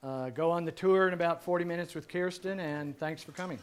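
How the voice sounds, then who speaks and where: A man presenting a seminar, answering audience questions in a relaxed, joking, rambling way, his voice going hoarse. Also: fairly high pitch, fast talker. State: losing his voice. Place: seminar room.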